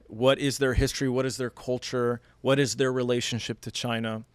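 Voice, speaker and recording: A man hosts a podcast in a studio, talking in a measured, earnest way. His voice sits at an ordinary pitch for a man. The sound is dry and close, with no room echo. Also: little pitch movement, clean tone. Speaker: podcast host. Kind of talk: podcast interview, read-out intro.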